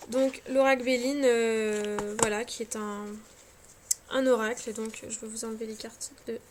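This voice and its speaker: A woman's voice: a little high, little pitch movement, unhurried. A tired woman chatting casually about card decks, hesitant and self-mocking, with many fillers and restarts. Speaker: cartomancy vlogger. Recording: faint scratching background noise.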